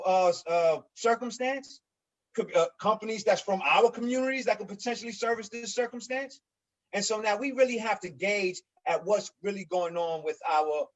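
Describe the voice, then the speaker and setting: A man in his forties from New York, a resident association leader speaking on a virtual panel, earnest and halting, often repeating words as he builds his points. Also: high voice, low-quality recording. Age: 40s. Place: home, on a video call. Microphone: video call mic.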